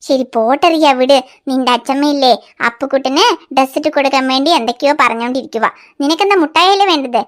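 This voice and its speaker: A woman voicing a calm young mother in a cartoon, gently soothing her daughter and mildly teasing her mother-in-law. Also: high voice, fast, natural voice.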